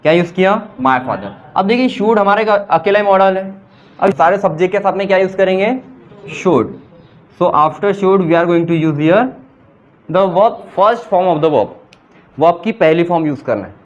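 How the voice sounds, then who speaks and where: High-voiced man teaching grammar. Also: expressive, normal speed, highs cut off. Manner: mixes Hindi with English examples, quizzes students with questions. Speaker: English teacher. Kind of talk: classroom grammar lecture.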